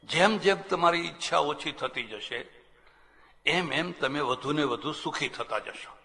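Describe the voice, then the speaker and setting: Older swami, storyteller preacher, forceful bright tone, reverberant hall. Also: male voice, on the high side, expressive, a little slow, gravelly. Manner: folksy storytelling, acts out quoted people, chuckles. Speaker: swami giving a religious discourse. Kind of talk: spiritual discourse with anecdotes.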